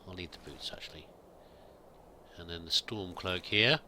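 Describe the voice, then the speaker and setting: This man's voice sits low and sounds bright and forceful at a moderate pace. Roleplaying a pilgrim in a video game as a let's play gamer, he thinks aloud in character, musing hesitantly and restarting often. There's slight background noise.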